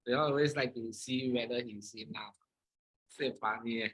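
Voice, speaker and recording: Bright-voiced Singaporean man bantering in Singlish. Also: medium pitch, slow pace. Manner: blunt, clipped, code-switching into Mandarin.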